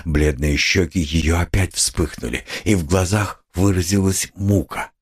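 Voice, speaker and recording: A man narrating an audiobook in a measured, even reading. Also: sits low, slightly rough.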